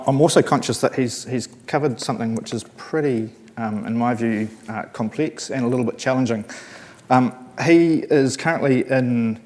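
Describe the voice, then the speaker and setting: A man's voice: medium pitch, darkish tone. A man with a broad New Zealand accent gives a conference talk, partly reading from notes, slightly nervous, hesitant and self-deprecating. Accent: broad New Zealand (Kiwi). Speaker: conference presenter reading a colleague's paper. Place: conference session room, speaking to an audience.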